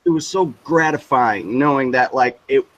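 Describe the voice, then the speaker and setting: A man chatting on a livestream, telling a story in an excitable, profane way. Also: medium pitch, normal speed, a little hiss or hum, low-quality recording. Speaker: guest on a livestream. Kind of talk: casual chat, storytelling.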